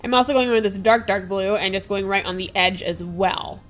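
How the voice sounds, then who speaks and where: A beauty vlogger, a young woman in her twenties, walks through a makeup tutorial in a chatty, upbeat way, leaning on "like" and "super." Her medium-pitched voice moves at a moderate pace and sounds a little nasal from a cold, with soft background music in her small home room with its sparkly backdrop.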